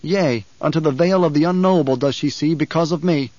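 A male narrator voices a solemn prophet-leader making a grave proclamation. His delivery is archaic and ceremonial, raised a touch in pitch. The recording is dry and slightly dull. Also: brisk, dark tone, no room sound, natural voice.

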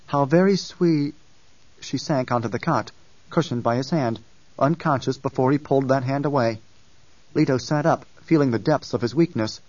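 A man narrating an audiobook in a steady, measured reading. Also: medium pitch, no echo. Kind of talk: scripted narration. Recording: dull distant dry recording.

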